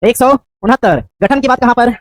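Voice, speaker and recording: A woman teacher drills her students for an exam, firing and repeating short questions at a brisk pace. Her voice sits a little high, and the sound is dry and close, with no room echo. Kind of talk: classroom exam coaching.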